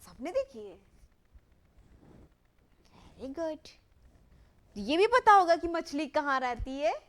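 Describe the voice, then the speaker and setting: A woman leads a lesson for young children, her voice high and swooping widely up and down. She speaks slowly, prompting the class with questions and drawing out key words for them to repeat in call and response. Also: very animated, fairly bright tone. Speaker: teacher.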